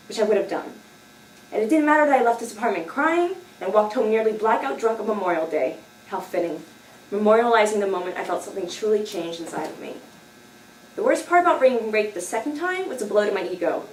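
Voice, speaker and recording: Woman reading a candid essay on stage. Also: mid-range voice. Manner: candid, wry then raw and defiant. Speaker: essay reader at a live show. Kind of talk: reading a personal essay aloud. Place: small live performance venue. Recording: echoey room, distant mic, faint noise.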